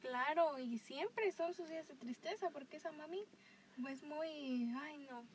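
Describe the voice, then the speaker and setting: A woman chatting casually as co-host, animated and acting out quotes. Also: high-pitched, measured pace, a little hiss or hum. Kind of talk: casual chat.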